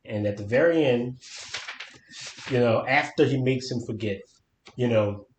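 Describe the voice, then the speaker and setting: A man's voice: medium pitch, a little slow. A man co-hosting a podcast, chatting casually about a book and searching for his words as he thinks aloud. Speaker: podcast co-host. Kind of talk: casual book-discussion chat. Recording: roomy echo.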